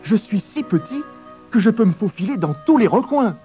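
A man voicing Jack, a lively young boy in a storybook reading, with a bright, eager voice. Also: high-pitched, moderate pace, faint music behind, pitched above the performer's own voice.

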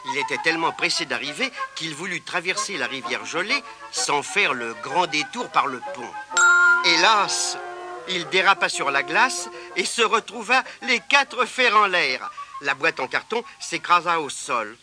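A man narrating a children's storybook, expressive and lilting. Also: on the high side, measured pace, over loud music.

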